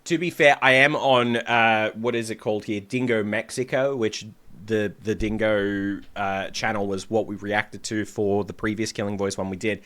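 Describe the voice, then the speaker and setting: A man's voice: on the low side, steady tone, moderate pace, fairly bright tone. A man working as a vocal coach, chatting through a music reaction and breaking down the harmonies as he listens.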